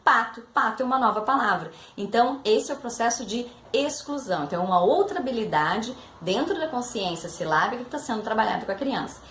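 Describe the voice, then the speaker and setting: A woman's voice: a little high, lively intonation, fast talker, few pauses, a bit bright. A woman with a Brazilian Portuguese accent, a literacy education professor, explaining step by step with concrete examples and talking directly to her listeners. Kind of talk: explanatory teaching talk. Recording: echoey room with faint background noise.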